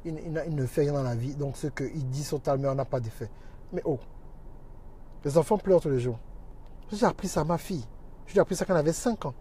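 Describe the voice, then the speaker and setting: A man's voice: fairly high pitch, brisk, pauses often, warm tone, a little hiss or hum. A man talking on a casual livestream, preaching emphatically and greeting viewers by name as he goes. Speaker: minister and social media teacher.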